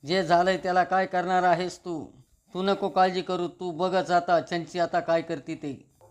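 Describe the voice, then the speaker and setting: A man reading the lines of a cocky young woman who gloats slowly about her scheme. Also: lowish voice, level tone, a little mellow, close to an everyday voice. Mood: gloating.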